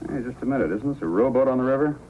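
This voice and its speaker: An actor playing a steady, inquisitive Mountie sergeant with measured authority in an old-time radio drama. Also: male voice, medium pitch, natural voice, poor audio. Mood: curious, confident. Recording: old radio recording, faint noise.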